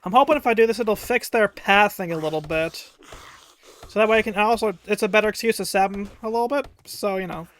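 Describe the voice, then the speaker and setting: A man's voice: sits high, a little fast, fairly bright tone. A man casually commenting on his own gameplay during a live stream, chatty and wry, taunting enemies as he plays. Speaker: game streamer.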